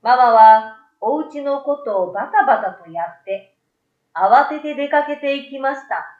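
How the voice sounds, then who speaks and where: A middle-aged woman reads a children's story from a script into a desktop condenser mic in a small room, and the recording sounds roomy and a bit dull. Her voice is high and expressive, with a darkish tone and a slightly slow pace.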